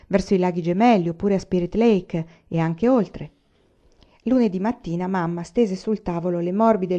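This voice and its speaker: A woman reading a novel aloud in a measured, even narrating voice. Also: lowish voice, dull audio. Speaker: audiobook reader. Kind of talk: storybook reading.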